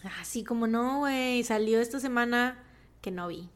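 Slangy Mexican woman podcaster, high-pitched, mixing in English. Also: normal speed, clean tone. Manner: slangy, mixes in English words. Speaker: podcast co-host. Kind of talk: casual podcast chat.

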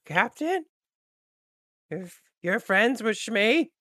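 Brief: man voicing a squeaky, overjoyed odd creature, third-person speech, loud. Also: sing-song, extremely slow, no echo, studio quality, heavily acted. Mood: amazed. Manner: speaks of himself in third person.

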